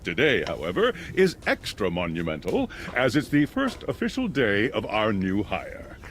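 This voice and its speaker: An actor playing a glib, upbeat corporate welcome announcer reading scripted narration for a game. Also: male voice, lowish voice, huge pitch swings, normal speed, a bit bright.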